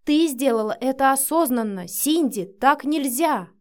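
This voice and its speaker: A woman's voice: high voice, animated, a little slow, pitched above the performer's own voice. A woman voicing a short-tempered adult father in an audiobook, speaking curtly and giving orders. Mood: horrified. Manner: curt, commanding, flares into shouting. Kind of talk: audiobook character voice.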